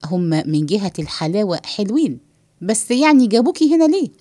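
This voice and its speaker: A woman voicing a calm, wry man with an Egyptian accent in a read-aloud play. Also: medium pitch, fairly quick, no echo, clean studio sound.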